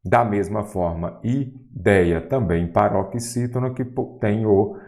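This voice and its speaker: A man's voice: on the low side, slow pace, a little mellow. A man teaching a grammar lesson for exam prep, quizzing the viewer with rhetorical questions.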